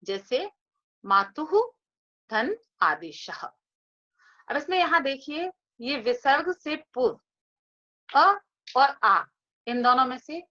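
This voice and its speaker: A woman's voice: on the high side, pushed and bright. A woman teaching Sanskrit grammar in a patient, step-by-step lecture, repeating each point. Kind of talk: explanatory classroom lecture. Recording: dull lo-fi recording.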